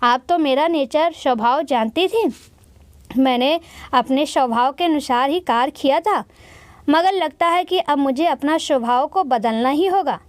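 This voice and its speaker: A woman's voice: high-pitched, measured pace, dry recording. A woman voicing a young male soldier who talks politely to his sister-in-law. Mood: bitter.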